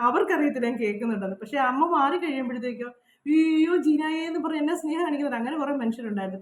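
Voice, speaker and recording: Chatty woman from Kerala, quick and echoey. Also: fairly high pitch, a little hiss or hum. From Kerala, India. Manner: chatty and confiding, frequent "kettō" tags. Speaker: vlogger. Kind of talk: casual personal storytelling. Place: outdoors at her old house.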